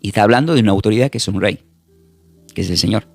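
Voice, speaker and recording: A man, a pastor teaching a recorded Bible class in an emphatic preaching manner, repeating words and slowly spelling out terms. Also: lowish voice, vocal fry, dry recording, faint music behind.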